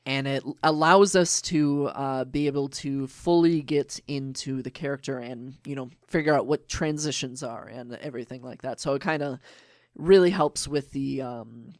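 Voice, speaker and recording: A man's voice: medium pitch, moderate pace, no room sound. An eager young man, a podcast guest, who rambles through his stories with plenty of fillers. His voice sits in an ordinary middle register. The recording is dry and close. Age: young adult. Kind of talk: casual podcast chat.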